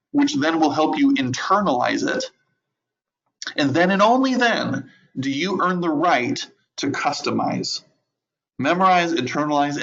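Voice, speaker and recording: A man coaching real estate agents in an online training, conversational and animated, often repeating words and laughing. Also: mid-range voice, creaky. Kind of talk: virtual training lecture. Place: home office at a desk. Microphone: video call. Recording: dull lo-fi audio.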